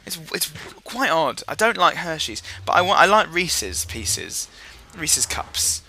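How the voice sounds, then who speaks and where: Guy rambling thru a game, jokey, voice kinda sore, bright and bouncy pitch. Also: sing-song, unhurried, slight background noise. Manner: rambling, jokey, silly asides. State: sore, strained voice. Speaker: gaming commentator. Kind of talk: casual game commentary.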